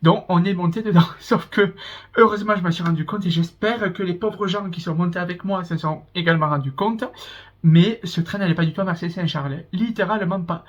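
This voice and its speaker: Brief: young man, southern French accent, slightly high voice, chatty and hesitant, lo-fi sound. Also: a little fast. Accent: southern French, Pyrénées-Orientales. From France, Pyrénées-Orientales. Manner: chatty, rambling, many hesitations. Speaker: vlogger. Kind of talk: casual storytime vlog.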